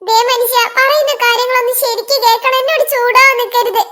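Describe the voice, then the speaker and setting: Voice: very high-pitched, fairly even intonation, a little fast, pushed and bright, pitched below the performer's own voice. A performer voicing a chatty, slightly forgetful mother in a cartoon. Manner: chatty, exclaiming. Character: chatty mother, newly moved in, a bit forgetful. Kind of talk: cartoon voice acting.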